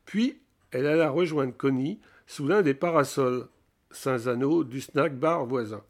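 Guy reading a novel out loud, kinda high voice, steady pace. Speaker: audiobook narrator. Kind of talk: scripted narration.

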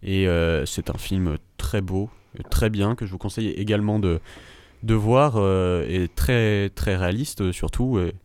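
Jeune homme à la voix grave, son sec. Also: male voice, deep voice, a little slow, darkish tone, clear, resonant tone, no echo. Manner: hesitant, many fillers. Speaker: co-host. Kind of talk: radio show presentation.

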